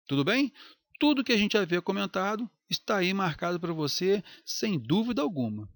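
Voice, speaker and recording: Lively teacher drawing out words. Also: male voice, high-pitched, no echo, studio quality. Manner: lively, stretches out example words slowly. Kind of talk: recorded grammar lecture.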